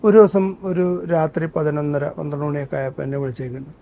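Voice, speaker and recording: Talking fast in a fairly high, warm voice, this actor-singer earnestly tells stories during a conversational interview and occasionally bursts into song. The sound is dull and muffled.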